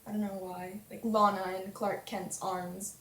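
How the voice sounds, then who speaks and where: A woman's voice: mid-range voice, level tone, measured pace, a bit bright. A young woman chatting in a casual fan vlog, gushing and full of fillers. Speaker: fan vlogger. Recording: roomy webcam audio with faint hiss.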